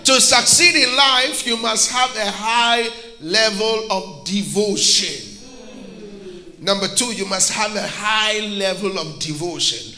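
A male pastor with a very high, piercing, bright voice preaches slowly and deliberately in an echoey church hall. He swings into fervent shouted bursts and calls out to his congregation for responses. Faint music sits under the echoing room. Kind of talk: preached sermon.

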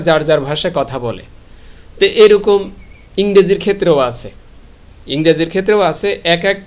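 Bangladeshi man teaching grammar, self-answering. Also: sits high. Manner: asks questions and answers them himself. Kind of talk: live online grammar lesson.

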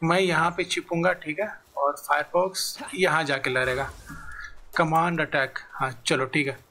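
Male gaming YouTuber, high bright voice, chatty let's-play talk to viewers. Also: fairly even intonation, unhurried. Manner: chatty, addresses viewers directly, thinks aloud. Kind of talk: casual let's-play commentary.

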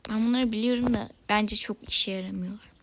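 A woman giving casual commentary while playing a video game, swinging between whispered muttering and excited shrieks. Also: mid-range voice, a little fast. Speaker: gamer. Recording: noisy home recording.

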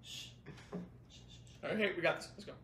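A young man bantering casually and directing takes on a sketch shoot, excitable and swearing. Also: a little fast, a little hiss or hum. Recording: echoey room with a crowd.

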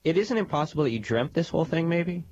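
A man's voice: on the high side, animated, fast, a little mellow, breathy edge. A man hosting a radio interview, asking dry, skeptical, probing questions. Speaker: radio host. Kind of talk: comedic phone interview. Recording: dull radio recording with faint noise.

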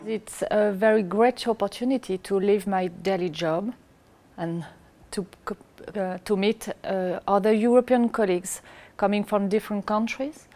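A woman from France speaking English with a French accent, halting and searching for words in a testimonial interview. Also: medium pitch, warm tone. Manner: halting non-native English. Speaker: course participant.

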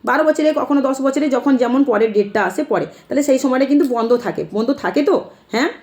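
A woman's voice: high voice, brisk, a little mellow. A woman talking directly to viewers in an impassioned, emphatic way, often checking in with listeners as she makes her case. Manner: emphatic, keeps asking "ঠিক আছে?". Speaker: temple devotee vlogger. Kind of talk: impassioned personal talk to viewers.

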